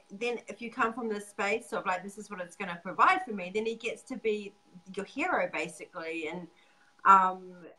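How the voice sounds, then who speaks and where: A woman's voice: mid-range voice, pushed and bright, poor audio. A woman hosting a casual chat as a sex coach, laughing often and swearing casually.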